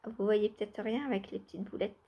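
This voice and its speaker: A woman chatting casually in a knitting vlog, laughing often and filling pauses with hesitations. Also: mid-range voice, steady tone, dark tone, breathy edge. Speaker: knitting vlogger. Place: outdoors or by open door, cool weather.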